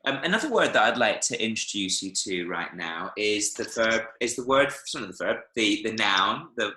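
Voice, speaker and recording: Guy teaching a language lesson on a video call, bright voice, echoey room, keeps asking "yeah?" to check in. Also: on the low side. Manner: patient, checks understanding often with "yeah?" and "right?". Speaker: Spanish teacher. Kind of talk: online one-to-one language lesson.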